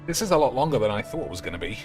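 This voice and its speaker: A man streaming a game, making crude jokes and thinking out loud as he plays. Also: mid-range voice, big pitch swings, very fast, soft background music. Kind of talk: casual gameplay commentary.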